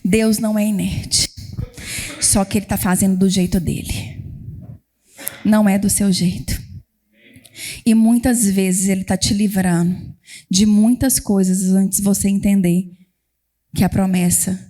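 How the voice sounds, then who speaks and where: A Brazilian woman preaching a Sunday sermon, repeating phrases for emphasis and acting out worshippers' voices in quick asides. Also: medium pitch, fairly even intonation, warm tone. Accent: Brazilian Portuguese.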